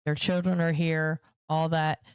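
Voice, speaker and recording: Her low-pitched voice has a clean tone and a level, unhurried delivery, recorded dry at studio quality. On her own podcast, she talks directly to viewers with emphatic political commentary, repeating points for emphasis.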